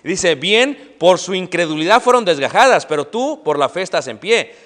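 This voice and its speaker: A man's voice: high voice, moderate pace. A middle-aged man with a Mexican accent preaching a sermon, quizzing the congregation and acting out the people he quotes. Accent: Mexican Spanish. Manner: animated, asks the congregation questions and acts out quoted people. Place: church hall. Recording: long church hall reverb.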